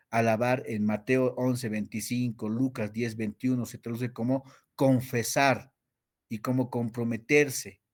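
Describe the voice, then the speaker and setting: A man teaching a theology class, reading verses aloud, stretching key words slowly for emphasis and quizzing his students. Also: mid-range voice. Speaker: Bible teacher.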